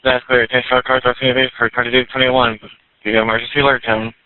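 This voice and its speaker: A man dispatching for the police reads calls back rapid-fire in clipped phrasing, his medium-pitched voice holding nearly level. The transmission comes through a narrowband police radio channel carrying faint static.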